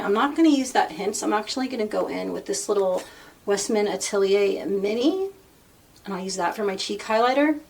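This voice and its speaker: A woman's voice: on the high side, darkish tone. Chatty woman a bit off-mic. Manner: chatty and self-deprecating, with rambling asides. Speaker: beauty vlogger. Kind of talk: casual chat while doing makeup. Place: at home. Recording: voice a bit far from the mic, faint noise.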